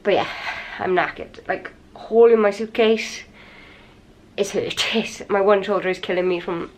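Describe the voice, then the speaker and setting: A woman talks casually into a handheld camera from a hotel room, in a middle-pitched voice. A cold has left her slightly raspy and wheezy, and she sounds a bit out of breath. She rambles in a chatty, tired way. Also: steady tone, measured pace. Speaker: vlogger. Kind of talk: casual vlog chat to camera.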